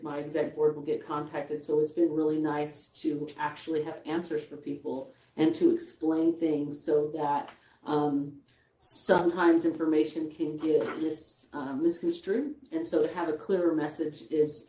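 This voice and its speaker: A woman's voice: low voice, mellow, far from the mic. A tired woman giving the teachers' union report at a school board meeting, chatty, with small laughs and restarts. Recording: echoey room, voice from off-mic.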